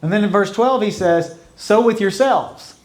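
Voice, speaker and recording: A man's voice: high voice, moderate pace. A man as pastor, teaching a Bible study in a conversational way, explaining with repetition and asides. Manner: mimics mocking babble with fading repeats. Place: church.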